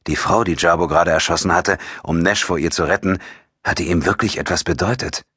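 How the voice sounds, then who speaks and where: Deep, husky male audiobook narrator. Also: a little fast, bright, forceful tone, no room sound, clean studio sound. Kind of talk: scripted narration.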